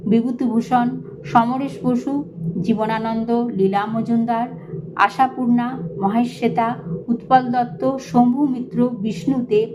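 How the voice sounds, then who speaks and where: A woman narrating a read-aloud essay in measured, phrase-by-phrase delivery with pointed emphasis. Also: on the high side, steady tone, background noise.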